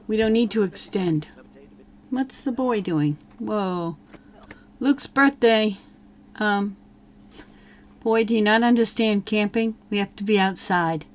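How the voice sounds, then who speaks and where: A woman with a medium-pitched voice, carrying a slight hiss or hum, hosts a casual let's play. She chats through her gameplay and talks to the characters in her game as she goes.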